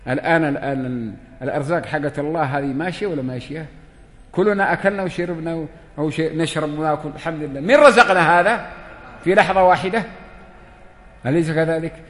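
A religious teacher gives a lesson to a seated audience in an echoey hall, his fairly high, fairly bright voice moving quickly but broken by long pauses. He puts questions to his listeners and acts out dialogues.

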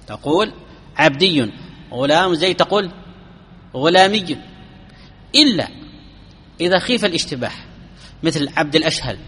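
A man giving a classical Arabic grammar lesson, explaining rules step by step, asking his students questions and chanting verses slowly. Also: a little high, sharp tone, husky. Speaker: grammar teacher. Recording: long hall reverb.

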